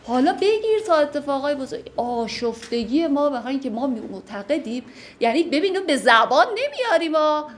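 A middle-aged woman explaining classic poems in a lecture, reciting verses slowly and acting out small everyday scenes with quoted voices. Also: high voice, big pitch swings, a little hiss or hum. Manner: acts out little scenes with quoted voices, swinging between hushed and loud. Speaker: teacher explaining Persian poetry.

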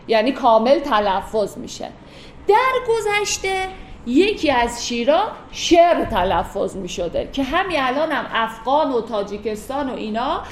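A woman explaining classical poetry in a casual, lively lecture, speeding up into wry asides. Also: sits high. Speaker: teacher explaining Persian poetry. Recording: echoey room, faint ambient noise.

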